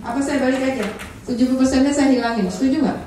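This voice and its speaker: High-voiced woman trainer in an echoey room. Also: fast, a crowd in the background. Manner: energetic, asks the audience for agreement again and again. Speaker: public speaking trainer. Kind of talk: live training session. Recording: echoey room, speaker far from the mic.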